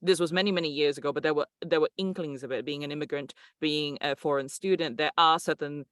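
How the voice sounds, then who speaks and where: Producer, articulate, dry close sound. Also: male voice, fairly high pitch, steady tone, quick pace, fairly bright tone, smooth, dry recording. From Malaysia. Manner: articulate, explanatory. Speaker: game producer. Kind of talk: interview answers.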